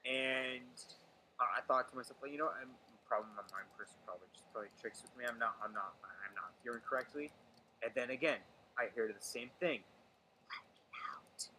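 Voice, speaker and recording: Young man, bright voice, faint hiss behind, dramatic rambling storyteller. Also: mid-range voice, a little fast, rough recording. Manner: hesitant, dramatic, lots of fillers and restarts. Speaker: streamer's boyfriend telling a ghost story. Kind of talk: casual storytelling on a livestream call.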